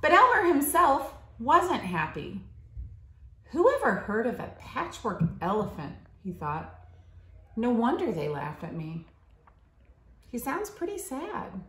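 Sitting on a leather couch in her living room, a woman in her thirties who works at a school reads a picture book aloud to a child in simple, teacherly phrases. Her fairly high, bright, forceful voice swoops wildly in pitch, moving slowly with long pauses. The camera is a short way off, and the home recording sounds roomy and echoey.

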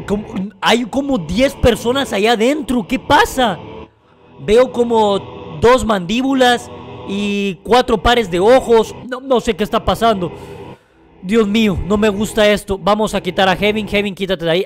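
A man giving excited gameplay commentary, with frequent dramatic, startled shouts. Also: sits high, normal speed, a little hiss or hum. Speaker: gaming YouTuber.

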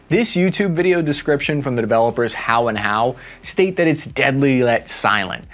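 A young man narrates a scripted video essay. His pitch rises and falls a lot, and he drops wry, playful asides into the reading.

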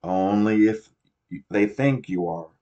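Guy reading a tense steady bodyguard man, low voice, dull lo-fi sound. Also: takes it slowly. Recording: dull lo-fi recording.

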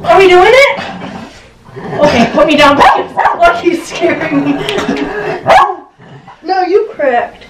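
A woman's voice: very high-pitched, lively intonation, slow pace, pauses often. A woman co-hosting a casual vlog at home, laughing often while she strains through the poses. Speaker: vlog co-host. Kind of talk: casual chat. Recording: roomy, distant, noisy room sound.

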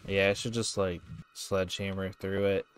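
A man's voice: low voice, level tone, normal speed, slight background noise. A man playing a horror game on a let's play, joking casually with his co-host. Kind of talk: casual gameplay commentary. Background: game music.

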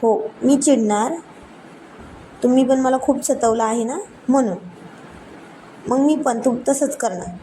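Woman reading a sulky young wife, pouting, teasing, high voice, mellow tone. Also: a little slow, pauses often, a little hiss or hum, lightly acted, rough recording. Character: sulking playful young wife.

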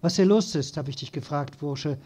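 A man's voice: a little high, normal speed, darkish tone, lightly acted. A man reading aloud as a stern adult male stranger who demands answers.

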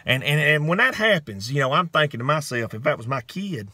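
Folksy male storyteller, bright voice, dry close sound. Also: on the high side, big pitch swings, no room sound. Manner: folksy, drawn-out, frequent "okay?" asides. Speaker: host. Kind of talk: comedic storytelling monologue.

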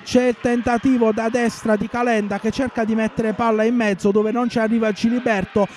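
A man with an extremely high-pitched voice commentates live on a futsal match. He follows play urgently and repeats phrases for emphasis, with clear sports hall noise around him. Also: little pitch movement, a little fast, darkish tone. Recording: noisy sports hall ambience.

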